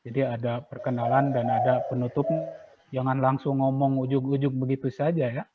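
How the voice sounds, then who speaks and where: A man's voice: mid-range voice, little pitch movement, fairly quick, heavy background noise. A male teacher patiently explaining exam rules to students, with many fillers and repetitions. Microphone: video call. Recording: tinny phone-like online call audio.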